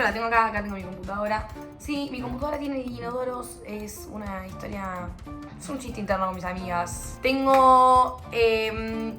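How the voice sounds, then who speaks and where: A young Argentine woman with a Rioplatense accent talks straight to camera in a home vlog, chatty and teasing herself, her voice bright and forward. Faint music plays in the room behind her. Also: fairly high pitch. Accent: Rioplatense Argentine Spanish. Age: young adult. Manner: chatty, self-mocking, slangy. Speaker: vlogger. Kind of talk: casual chat to camera.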